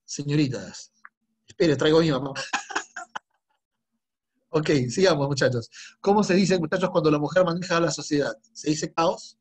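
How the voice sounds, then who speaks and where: A man's voice: fairly high pitch, moderate pace, pauses often, slightly rough. A middle-aged man, teaching an online history class and teasing and scolding his students with jokes.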